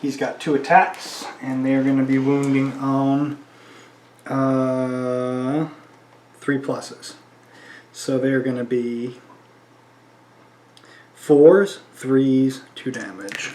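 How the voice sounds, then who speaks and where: Excitable man calling out dice rolls. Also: medium pitch, very slow, long pauses, echoey room, a little hiss or hum. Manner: counts dice aloud, excitable, talks to viewers. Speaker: tabletop wargame player. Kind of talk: casual play-by-play of a tabletop battle.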